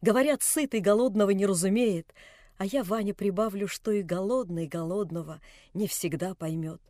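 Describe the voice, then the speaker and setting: A woman reading an audiobook, voicing an elderly man who speaks low and sorrowfully. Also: moderate pace, dark tone, dry recording, studio quality, close to an everyday voice. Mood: bitter. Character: grieving, weary old man, quiet and heavy.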